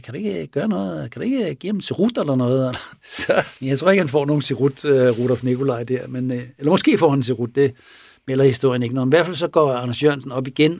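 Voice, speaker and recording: A man's voice: mid-range voice, gravelly, darkish tone, dry recording, studio quality. A man retelling a crime story in a casual, rambling way, with many restarts.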